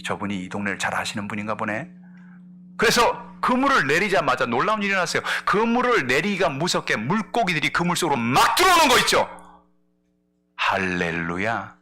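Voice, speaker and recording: A male pastor preaching a sermon, telling a story with energy and acting out the characters' lines, moving between loud exclamations and hushed asides. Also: mid-range voice.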